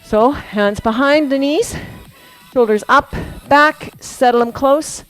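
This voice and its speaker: A woman fitness instructor coaching a core workout, slightly high-voiced, unhurried and chatty. She encourages the class and demonstrates each move as she talks. Light music plays in the background. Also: a bit bright, low-quality recording. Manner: encouraging, chatty, laughs often; demonstrating moves while talking. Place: fitness studio.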